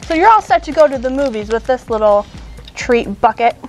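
A woman's voice: sits high, lively intonation, a little fast, a little mellow, soft background music. A woman in her thirties hosting a casual candy shop chat, upbeat and chatty with fillers and small laughs.

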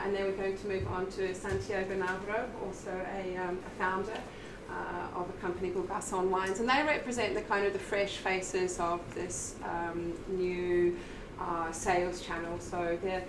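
A woman hosting a live business event, introducing speakers with many ums and uhs. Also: medium pitch. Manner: hesitant, many fillers. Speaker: event host. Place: brick-walled meeting room with audience. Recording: echoey room with background noise.

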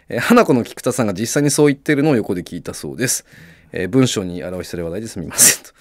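A man's voice: fairly low pitch, expressive, fast talker, no room sound. A young man co-hosting a comedy podcast, chatting casually with teasing jokes and reading out listener mail. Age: young adult.

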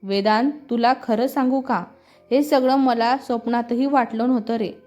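An emotional, affectionate young woman from a family story, as a woman narrator reads her, fairly high in pitch. Quiet music runs under a slightly dull sound. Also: fairly even intonation, normal speed, close to an everyday voice. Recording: slightly muffled with soft music.

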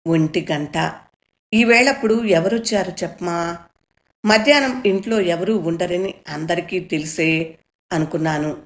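A woman storyteller reading a first-person story aloud in an earnest, emotive way. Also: lowish voice.

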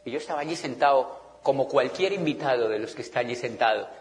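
A middle-aged man with a Colombian accent giving an animated motivational talk to a live audience, often checking that they follow him. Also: mid-range voice, quick pace. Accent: Colombian Spanish. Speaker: motivational business speaker. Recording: long reverb of a large hall.

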